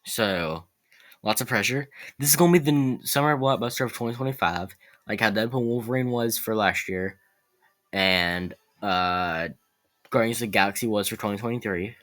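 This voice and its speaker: A man vlogs about movies on the way, rambling casually and excitedly and correcting himself as he talks. His pitch is fairly low and his speed normal.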